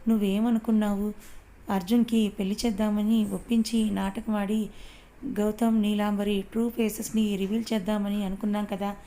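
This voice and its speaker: A woman voicing a loyal young man in a read-aloud audio story, questioning his friend in a measured way. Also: medium pitch, warm tone, lightly acted, poor audio.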